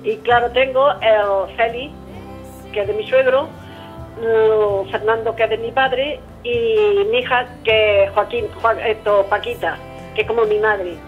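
A woman's voice: on the high side, fairly even intonation, measured pace. A woman calling in over a landline phone to a live psychic show, hesitant and answering in short repeated agreements. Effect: heard over a landline phone line. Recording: narrow tinny phone line with faint music.

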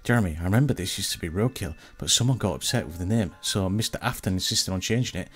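A man's voice: low-pitched, quick pace, a bit bright, husky, faint music behind. A man reading as a friendly boy.

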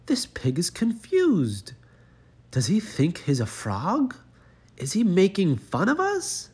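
Indignant little storybook frogs, acted out by a man, bewildered and easily affronted. The voice sits high and swoops as they exclaim, with some husk in it. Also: huge pitch swings, takes it slowly, a little mellow, slightly rough, exaggerated voice. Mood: shocked, offended.

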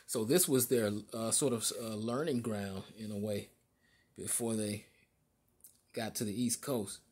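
A man narrating a casual walking tour inside a large store, halting often with fillers and restarts. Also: lowish voice, steady tone, darkish tone. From Chicago area. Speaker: vlogger.

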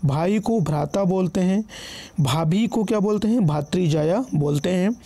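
A man's voice: high voice, moderate pace, dark tone. A man teaching an exam-prep vocabulary lesson, going down a list word by word, often checking in with listeners and correcting himself. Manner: repeats "ठीक है" as a check-in, self-corrects.

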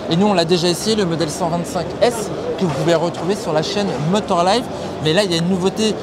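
A man in his thirties interviewing a guest at a trade show, brisk and enthusiastic, with short interjections. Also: sits high. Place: busy indoor trade show hall. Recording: loud crowd noise of a trade show. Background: loud trade show crowd noise.

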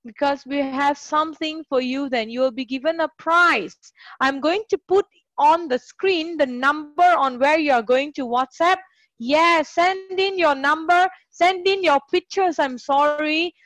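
A high-voiced woman tutor runs a live online English lesson, cheering her students on with quick praise. Her voice is close and dry, caught on a computer mic with no room sound around it. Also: fairly bright tone, dry recording. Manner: upbeat, encouraging, praises students often. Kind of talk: live online class teaching.

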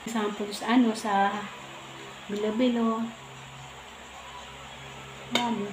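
A woman vlogger with a Filipino accent chats casually while chewing food, relaxed and full of fillers. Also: on the high side, a little slow. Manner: relaxed, chatty with many fillers. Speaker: mukbang vlogger. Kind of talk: casual eating vlog chat. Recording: echoey room with background noise.

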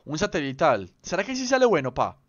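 A man's voice: on the high side, huge pitch swings, fairly quick, no echo. A young man chatting casually with viewers on a game livestream, playful and rambling, full of slang. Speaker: streamer. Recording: slightly dull lo-fi stream audio.

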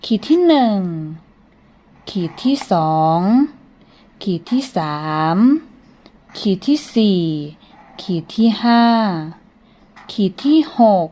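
A woman teacher speaks slowly and patiently to young children, counting strokes aloud in a sing-song way. Her voice sits a little high, and her tone is polite and coaxing. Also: animated, mellow.

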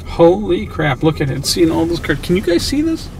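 A man hosting his own channel, narrating casually while driving, excited and chatty with lots of fillers, recorded inside a moving car on a mounted camera. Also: fairly high pitch, normal speed, vocal fry. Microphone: camera on a suction mount. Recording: noisy car interior. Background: car road noise.

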